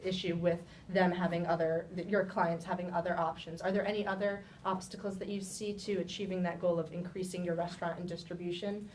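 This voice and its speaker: A woman practices a sales pitch, putting questions to a client in a rehearsed business manner. She sounds set back from the microphone, with some low rumbling noise behind her. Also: flat delivery, a little fast, few pauses, darkish tone. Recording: distant mic, rumbly background noise.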